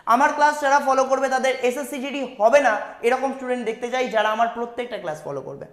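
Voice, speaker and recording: A man's voice: very high voice, fast, fairly bright tone, roomy sound. A man with a West Bengal Bengali accent teaching a live online math class, repeating each step and checking in with students. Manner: repeats steps, asks students "ঠিক আছে?"; reads out student chat questions.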